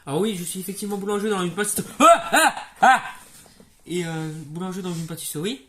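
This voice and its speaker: A young man voicing a baker with Tourette's in an amateur comedy sketch, breaking off into sudden shouted tics and laughs. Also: high voice, fairly even intonation, very fast, close to an everyday voice. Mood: blurting.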